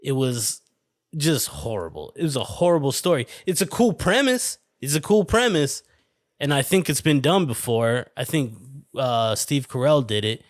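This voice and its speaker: A man talks into a close podcast mic in a dry, deadened room, his pitch sitting right in the middle of the usual male range. He rambles and swears, stacking fillers and false starts as he rants to his listeners. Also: sing-song, normal speed, no room sound. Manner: rambling, profane, lots of fillers and restarts. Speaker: podcast host. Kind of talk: casual solo podcast rant. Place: indoor room with a window.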